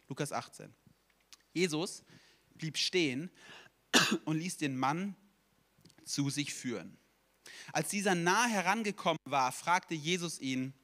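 A young man preaching a sermon, telling stories in a lively way and acting out quotes casually. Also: medium pitch.

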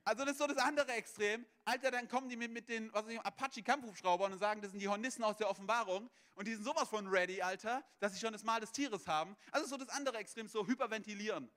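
Animated high-voiced young preacher. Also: male voice, quick pace, few pauses. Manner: casual, animated preaching with slang. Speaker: pastor. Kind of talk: sermon.

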